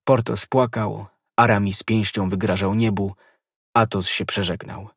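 A man narrating an audiobook in a measured, dramatic reading. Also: on the low side, fairly even intonation, slightly rough, no room sound, clean studio sound.

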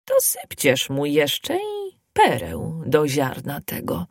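Slow-spoken wise old spinning granny, played by a woman reader, dry close sound, storybook. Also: low voice, wildly swooping pitch, vocal fry, dry recording, pitched below the performer's own voice, exaggerated voice. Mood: calm, insistent. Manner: slow drawn-out speech.

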